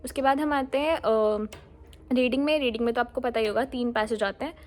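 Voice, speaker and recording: A woman's voice: on the high side, steady tone, fairly quick. A woman giving casual, friendly exam-prep advice straight to viewers, mixing English words into her talk. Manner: mixes Hindi with English words, friendly and direct.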